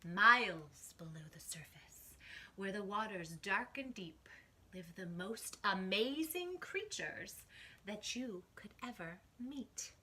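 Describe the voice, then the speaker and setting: A woman hosting storytime, reading a picture book aloud to children with animated, dramatic emphasis and hushed asides. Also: mid-range voice, slow.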